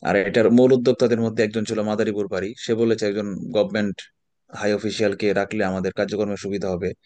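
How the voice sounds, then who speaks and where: A man's voice: lowish voice, level tone, quick pace, darkish tone, no room sound. A middle-aged man with a Bangladeshi Bengali accent, teaching an online exam prep class in a chatty way, telling anecdotes and sprinkling in English words.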